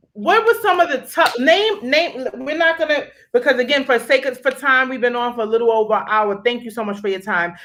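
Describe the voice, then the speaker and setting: A young woman hosting a live online conversation, animated and laughing often as she talks. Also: fairly high pitch. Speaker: host.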